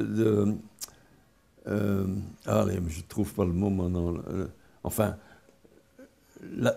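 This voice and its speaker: An older man from Belgium, recounting his memories in an interview in a halting way, often restarting and repeating words. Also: lowish voice, vocal fry, warm tone. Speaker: interviewee, former wartime pilot.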